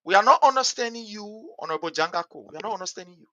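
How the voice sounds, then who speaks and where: A woman's voice: mid-range voice, lively intonation, very fast, bright, forceful tone, no room sound, muffled recording. A woman with a Liberian English accent, a party activist giving an impassioned political address, emphatic and hammering home repeated pointed questions.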